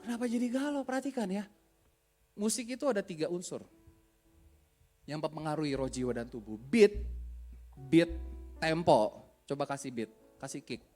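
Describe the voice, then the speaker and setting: A man's voice: fairly high pitch, expressive, normal speed, pauses often, warm tone, soft background music. A man preaching an Easter sermon as pastor, joking with the congregation and breaking into song.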